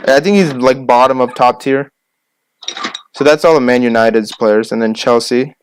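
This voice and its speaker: A young man co-hosting a casual sports podcast, listing names quickly and arguing his picks. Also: mid-range voice, slight background noise. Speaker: podcast co-host.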